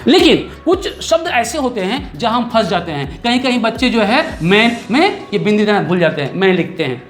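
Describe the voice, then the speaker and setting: A man's voice: very high voice, sing-song, moderate pace, a bit bright, faint music behind. A man teaching a grammar lesson, explaining patiently, repeating key terms and checking in with the class. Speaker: Hindi teacher.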